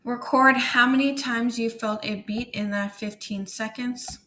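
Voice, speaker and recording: A woman's voice: on the high side, fairly even intonation, measured pace, pushed and bright. A woman teacher recording a lesson, giving step-by-step instructions as she demonstrates a hands-on activity at home. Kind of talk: recorded classroom lesson walkthrough.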